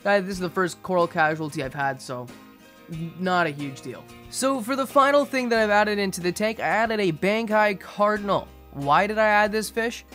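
A young man giving a casual aquarium update voice-over in a monotone, restrained way. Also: high-pitched, moderate pace. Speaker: fishkeeping video host. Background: music behind the voice.

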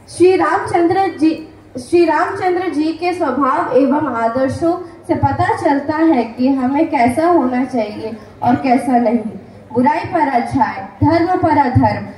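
A woman's voice: sits high, a little mellow, slight background noise. A woman giving an earnest, formal moral speech to an audience at a school function. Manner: slow, earnest, formal delivery. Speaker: speaker at a school event. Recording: echoey hall recording.

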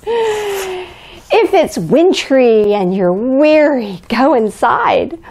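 A woman's voice: high-pitched, sing-song, very slow, darkish tone, heavily acted. A woman playing a cheerful, grandmotherly Mrs. Claus, reading a picture book aloud to young children in an exaggerated, sing-song way. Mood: playful, soothing. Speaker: children's storyteller. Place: living room by a fireplace, indoors.

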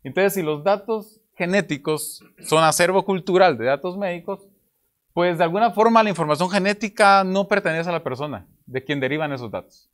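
A man's voice: high-pitched, normal speed, a bit bright. A young man from Guatemala with a Guatemalan Spanish accent, presenting at an academic conference panel in an explanatory way, asking rhetorical questions, speaking into a table microphone. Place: conference room with projector slides.

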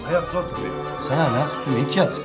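An actor playing a sly man who teases and stirs trouble, with a mocking, drawn-out delivery in a TV series scene. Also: on the high side, lively intonation, loud music behind the voice, close to an everyday voice. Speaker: Ruhi, teasing friend. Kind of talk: TV series acting.

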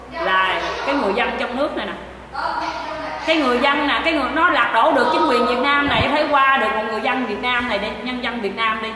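A woman with a Southern Vietnamese accent, hosting a livestream in which she rants heatedly and repeats insults while addressing her viewers. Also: a little high. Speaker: livestream host. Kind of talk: angry livestream rant. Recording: echoey hall from far off, noisy.

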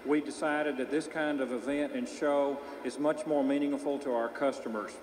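A middle-aged man giving measured, businesslike remarks as a sponsor's representative being interviewed. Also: mid-range voice, steady tone, darkish tone. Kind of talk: public thank-you remarks in an interview. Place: large indoor arena. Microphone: handheld microphone held out to him. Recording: echoey arena PA, faint noise.

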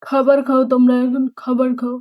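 A woman's voice: high voice, completely flat delivery, dry recording, lo-fi sound, lightly acted. A woman voicing Mintu, an eager, obedient young son in a doll story. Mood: dutiful. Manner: obedient, quick replies.

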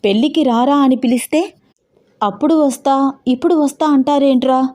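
A woman voicing an emotional, fiery young bride who fires off rapid, agitated questions. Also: a little high, dark tone, close to an everyday voice. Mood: upset.

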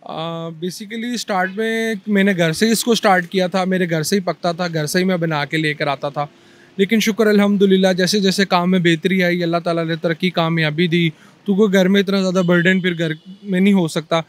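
A man's voice: high-pitched, fairly even intonation, fairly quick. A young man, a food cart owner earnestly explaining his business in a street interview. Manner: earnest, explaining, mixes English words. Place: busy city street outdoors. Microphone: handheld mic held by interviewer.

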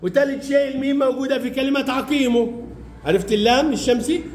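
A man's voice: very high voice, fast talker, darkish tone, a little hiss or hum. A man with an Egyptian accent teaching a primary class, coaxing pupils with repeated questions. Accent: Egyptian Arabic. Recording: echoey classroom.

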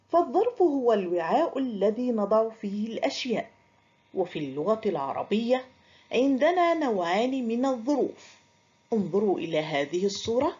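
Lively high-voiced woman teaching children. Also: highs cut off. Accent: Qatari. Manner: addresses pupils warmly, praises imagined answers. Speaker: primary school Arabic teacher. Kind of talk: recorded classroom lesson.

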